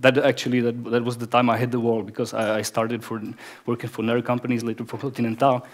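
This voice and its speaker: A man's voice: mid-range voice, level tone, fast. A man in his thirties with a Czech accent, giving a conference talk on stage without slides, often repeating words and restarting sentences. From Czech Republic. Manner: hesitant, many word repeats and restarts. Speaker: conference speaker, production director. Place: bright stage of a conference hall. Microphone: headset microphone.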